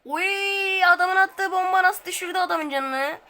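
A woman, hosting a gaming video with casual gameplay commentary. She chats straight to the viewers and bursts into high, frustrated yelps. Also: unhurried, sharp tone, slight background noise. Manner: talks straight to viewers, colloquial.

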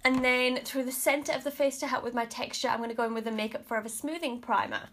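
There's a little hiss or hum on the recording as this woman talks quickly in a fairly high, steady, slightly bright voice. She's a beauty vlogger in her thirties with an Australian accent and a stuffy nose, frankly chatting through makeup at her bedroom vanity under mirror lights, hedging with "kind of" and "like."

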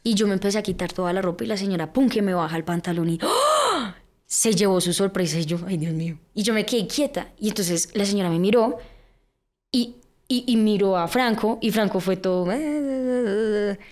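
Podcast guest: a young Colombian woman, a middle-pitched voice, chatty storyteller who acts out the people she quotes. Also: a little fast. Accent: Colombian Spanish. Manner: lively narration full of fillers, with acted-out quotes. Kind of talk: personal storytelling in a podcast interview.

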